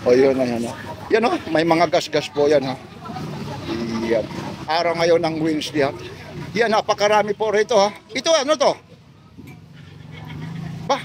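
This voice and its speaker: Chatty high-voiced man vlogging outdoors. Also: normal speed, long pauses, slight background noise. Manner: lively, chatty, many tag questions. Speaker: vlogger showing goods at a market stall. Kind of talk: casual street vlog chat. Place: outdoor street market, light rain.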